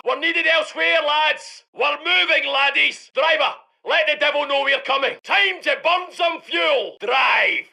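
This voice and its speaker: A video game voice actor plays a brash, gruff, cocky Scottish heavy tank commander from a war game, barking salty orders to his crew with swagger and colourful slang. His exaggerated voice is very high for a man, hard-edged, piercing, and thickly gravelly, with a bright, forceful tone. These shouted military unit voice lines feel rousing and eager, and the character is described as a British heavy tank commander.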